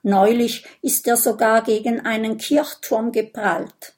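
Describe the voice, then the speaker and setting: A woman's voice: on the high side, flat delivery, a little slow, a little mellow, close to an everyday voice. A woman voicing an anxious young vampire boy in an audiobook, in a raised, boyish voice. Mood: worried. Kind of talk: audiobook character voice.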